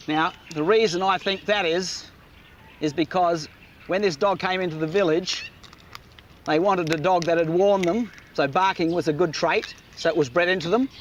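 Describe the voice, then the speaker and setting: A man's voice: high-pitched, fairly bright tone, slight background noise. A man presenting outdoors in an easygoing way and chatting to his dog. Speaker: wildlife presenter. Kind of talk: presenting to camera.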